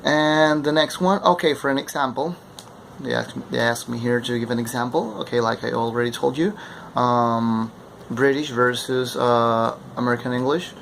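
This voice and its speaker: A man's voice: medium pitch, normal speed, gravelly. Young man. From Ecuador. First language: Spanish. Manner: keeps checking in with a questioning "okay?". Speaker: language student presenting. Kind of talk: explanatory class presentation. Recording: steady air-conditioning hum behind.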